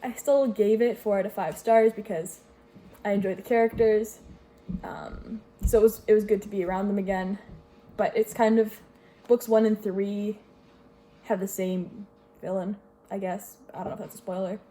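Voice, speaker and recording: In this casual book review chat, a young Greek woman rambles through her thoughts on books she's finished, full of fillers and self-corrections. She's a book vlogger recording at home while a washing machine runs. Her mid-range voice is warm and steady, at a normal pace.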